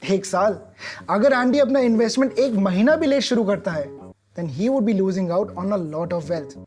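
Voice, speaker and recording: A woman as a patient financial advisor in an animated explainer ad, walking through figures slowly and deliberately in mixed Hindi and English. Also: mid-range voice, close to an everyday voice. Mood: explaining. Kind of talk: explainer ad dialogue. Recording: light music behind.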